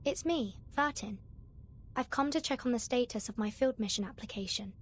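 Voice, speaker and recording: A woman voices a young, reserved agent in a game story. The voice is a little high, polite and careful. Faint noise sits behind it. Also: moderate pace, lightly acted. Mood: cautious politeness.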